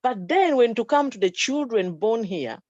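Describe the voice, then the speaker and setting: A guest from Uganda speaks in a casual discussion, animated and acting out little quoted exchanges. The voice sits at a middle pitch. The audio is dry and lo-fi. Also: normal speed, no room sound. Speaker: guest caller.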